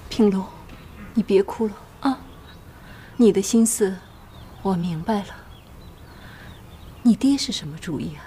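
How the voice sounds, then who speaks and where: A woman's voice: mid-range voice, expressive, unhurried, pauses often, dark tone, slight background noise, lightly acted. A middle-aged actress playing a shrewd, motherly official's wife who talks soothingly and schemes in a TV drama. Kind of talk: TV drama acting.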